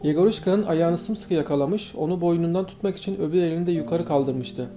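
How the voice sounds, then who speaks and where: A male audiobook narrator reads in a steady, measured storytelling manner. His voice sits slightly high yet sounds mellow and warm, with faint guitar music beneath. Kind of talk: scripted narration.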